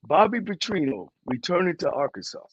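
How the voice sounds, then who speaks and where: A man hosting casual sports talk, halting and repeating words, his voice cutting out over a phone line that keeps breaking up. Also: on the high side, big pitch swings, heavy background noise. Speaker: host.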